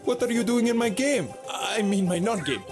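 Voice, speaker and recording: A doom-saying program with an Indian accent. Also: male voice, high voice, expressive, normal speed. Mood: haughty. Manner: overdramatic, repeats doom. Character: fussy male software program, gloomy and fatalistic. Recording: game music underneath.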